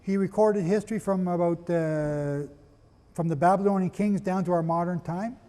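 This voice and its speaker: A man giving a sermon-style history lecture, firing rhetorical questions at his listeners, spelling out names and rushing to get through it. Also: high voice, dark tone, big-room sound. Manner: asks the audience rhetorical questions; rushes, apologizes for talking fast. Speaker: preacher.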